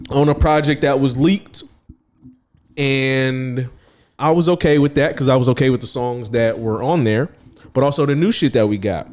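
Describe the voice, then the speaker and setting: A man's voice: medium pitch, darkish tone, clear, resonant tone. A man in a mid-range voice chatting on a podcast. His talk is loose and rambling, full of "like" and casual swearing. He sounds at ease with a friend. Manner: loose, profane, many "like" fillers. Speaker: podcast co-host. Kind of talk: casual chat.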